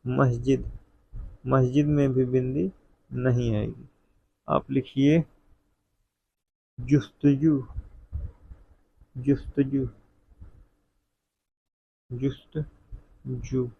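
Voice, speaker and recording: Slow gravelly Hindi teacher dictating words. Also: male voice, mid-range voice, fairly even intonation. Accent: North Indian Hindi. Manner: slow, repeats each word for dictation; addresses viewers as friend. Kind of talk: spelling dictation lesson. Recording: dull, lo-fi sound.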